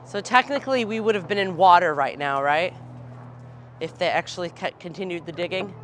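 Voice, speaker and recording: A woman's voice: fairly low pitch, brisk. A woman chatting casually as a companion in an outdoor vlog on a trail, with traffic in the background. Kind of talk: casual chat. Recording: outdoor recording with faint traffic noise.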